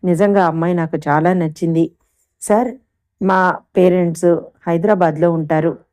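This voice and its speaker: A woman's voice: on the low side, fairly even intonation, normal speed, darkish tone, lightly acted. A woman voicing a very polite young man, a surgeon who calls to propose a match, speaking formally and courteously in a read-aloud story.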